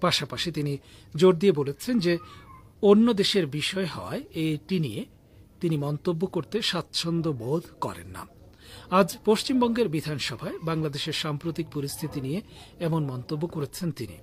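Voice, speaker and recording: A man reading the radio news in a measured, formal delivery. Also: on the high side, expressive. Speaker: news reader.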